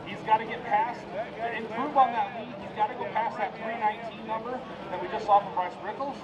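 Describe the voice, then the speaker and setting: A man's voice: high-pitched, fairly even intonation, fairly quick. A man giving folksy, explanatory live commentary as a tractor pull announcer. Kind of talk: live event commentary with casual chat. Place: outdoors at a tractor pull track. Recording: dull outdoor PA, very loud crowd and engines.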